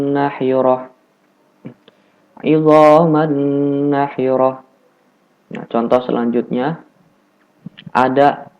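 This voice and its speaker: A man teaching Quran recitation rules, explaining each rule and then slowly chanting the examples twice. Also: mid-range voice, highs cut off.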